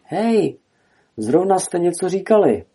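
A man voicing a frantic young man who has been turned into a bear, in a husky voice. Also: sits high, sing-song, dark tone, voice pushed up, exaggerated voice. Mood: eager.

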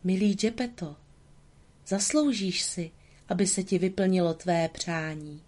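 A woman voicing a gentle, graceful fairy in a storybook reading, speaking softly and solemnly. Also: lowish voice, natural voice. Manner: soft and solemn.

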